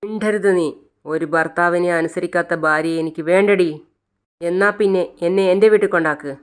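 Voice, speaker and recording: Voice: medium pitch, fairly even intonation, moderate pace, clean tone, close to an everyday voice. A narrator voicing an angry, stubborn young husband, blunt and commanding, in a retold TV serial.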